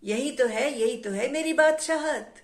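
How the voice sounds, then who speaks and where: A woman doing a calm, gentle shadow. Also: sits high, a little slow. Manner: soft, even, rhyming speech. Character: calm gentle female shadow, patient and teasing.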